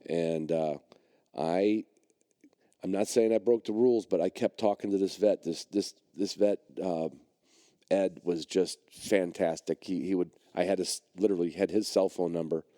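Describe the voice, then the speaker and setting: A man's voice: sits low, fairly even intonation, moderate pace, mellow, no echo, clean studio sound. A middle-aged man hosting a podcast, telling a personal story in a rambling way, full of fillers and restarts. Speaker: podcast host and dog trainer.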